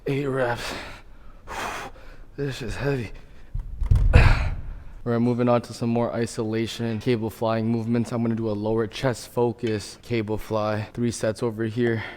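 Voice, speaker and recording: A man's voice: lowish voice, monotone, moderate pace, few pauses, mellow, clean tone. A young man talking casually in an informal, slangy way, vlogging his workout in a gym. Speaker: fitness vlogger. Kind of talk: casual workout vlog talk.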